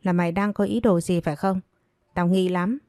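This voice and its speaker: Woman reading as a sharp-tongued teasing young maid, low warm voice. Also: fairly even intonation, normal speed, dry recording, clean studio sound, natural voice. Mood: mocking. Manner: teasing, mocking.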